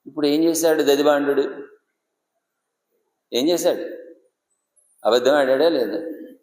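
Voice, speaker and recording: A male preacher tells a devotional story with animated rhetorical questions. His voice sits a little high for a man. It is recorded in a temple hall with a long, roomy reverb. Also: slow pace. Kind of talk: Telugu religious discourse. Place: temple shrine.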